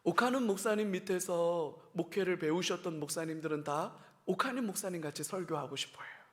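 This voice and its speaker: A male pastor preaching a sermon, asking the congregation questions and dropping from loud emphatic bursts to hushed whispers. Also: high voice, a little fast. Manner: addresses the congregation directly with questions. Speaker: senior pastor.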